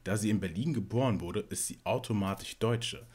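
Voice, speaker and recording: Low husky-voiced man. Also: fairly quick, darkish tone. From Togo. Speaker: discussion panelist. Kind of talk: casual discussion.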